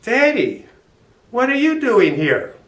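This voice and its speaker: A man's voice: very high voice, wildly swooping pitch, slow pace, fairly bright tone, heavily acted. A man voicing a brave, eager young grandson in a storybook tale, with earnest, simple delivery. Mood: surprised, pleading. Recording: roomy echo, distant from mic.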